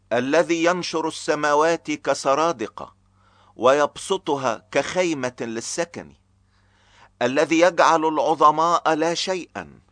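A man reading a chapter of scripture aloud in a slow, measured, grave recitation. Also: fairly high pitch, a bit bright, no room sound. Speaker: scripture reader. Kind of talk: solemn scripted Bible reading.

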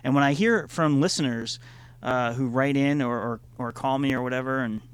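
Brief: earnest, encouraging male radio host, mid-pitched voice. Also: normal speed, clean tone. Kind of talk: radio interview.

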